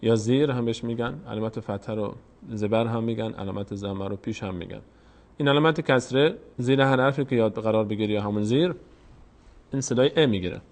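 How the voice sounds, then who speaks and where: A man with a low, gravelly voice leads a Quran reading lesson. He explains each mark patiently and repeats the words in a slow, drawn-out way. His delivery stays calm and deliberate throughout.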